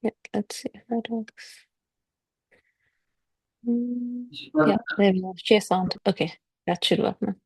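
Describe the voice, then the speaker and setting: Gravelly, husky woman on a video call. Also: medium pitch, steady tone, slow, long pauses, a little mellow, no echo. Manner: easygoing, thinking aloud. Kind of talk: casual meeting chat. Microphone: video call with earphones.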